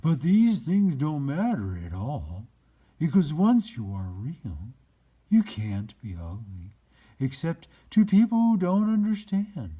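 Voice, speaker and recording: A man voicing a wise, patient old toy horse in a storybook, speaking slowly with drawn-out emphasis. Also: on the high side, wildly swooping pitch, mellow, slightly rough, dull audio, voice pushed up, exaggerated voice. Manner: slow, drawn-out, emphatic delivery.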